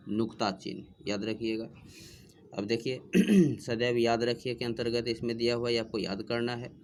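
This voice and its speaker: A male teacher giving a recorded online class lesson. He explains step by step, clears his throat now and then, and keeps checking in with his students. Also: medium pitch, darkish tone, a little hiss or hum.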